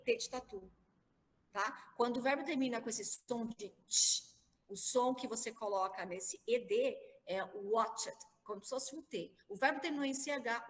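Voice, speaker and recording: Patient teacher woman on a video call, reverberant. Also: fairly high pitch. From Brazil. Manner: patient, spells words out letter by letter. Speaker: English teacher. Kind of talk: online class explaining grammar.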